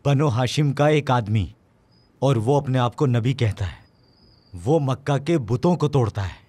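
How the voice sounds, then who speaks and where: An actor dubbing an earnest young man who calmly explains news he has heard, in a dubbed film. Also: mid-range voice, unhurried, husky. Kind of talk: Urdu dubbed film acting.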